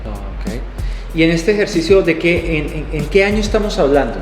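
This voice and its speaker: A man's voice: fairly high pitch, big pitch swings, moderate pace. A man, a lecturer hosting an interview, asking questions hesitantly with many fillers. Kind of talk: hosted interview. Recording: echoey hall with music.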